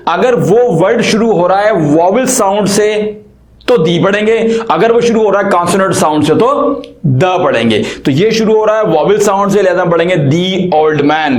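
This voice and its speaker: A man with a fairly high voice explains English grammar in a patient classroom way. He keeps asking the viewer questions and then answers them himself. The voice sounds roomy and echoey. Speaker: English teacher.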